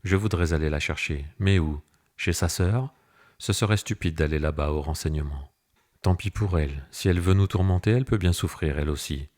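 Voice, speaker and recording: Male audiobook narrator, low register, steady and serious first-person delivery. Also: brisk. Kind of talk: scripted literary narration.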